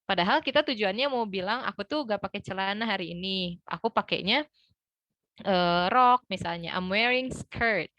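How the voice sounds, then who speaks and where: Bright-voiced woman tutoring online. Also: medium pitch, moderate pace, no echo, muffled recording. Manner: friendly, explains step by step with many fillers. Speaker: English tutor. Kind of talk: online class teaching.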